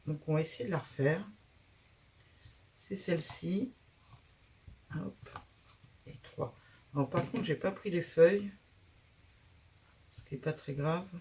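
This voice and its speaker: A woman's voice: lowish voice, slow, pauses often, darkish tone, slight background noise. A woman hosting a casual craft tutorial, chatting and thinking aloud as she works, with frequent hesitations.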